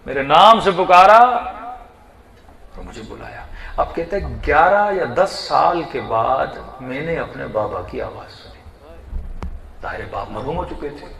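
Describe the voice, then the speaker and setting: A male cleric gives an emotional storytelling sermon in a reverberant hall. His voice sits fairly high for a man. He swings dramatically from loud, pleading cries down to hushed passages. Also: creaky. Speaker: cleric reciting a mourning sermon. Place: mourning gathering in a hall. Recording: echoey hall.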